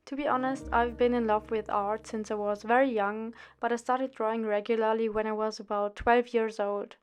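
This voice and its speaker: A woman of twenty-one from Austria, narrating a drawing video in a careful, scripted way. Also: fairly high pitch. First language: German. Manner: careful, steady, read-out delivery. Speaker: art student and drawing channel host.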